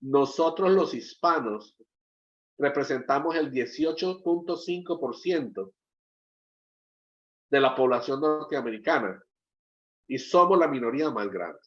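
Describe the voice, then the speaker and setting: A man's voice: mid-range voice, lively intonation, measured pace, pauses often, a bit bright. A middle-aged man from Colombia giving an export training webinar. He explains step by step, often checks in with "¿sí?", and repeats words as he searches for the next one. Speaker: webinar presenter. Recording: dull lo-fi webinar audio.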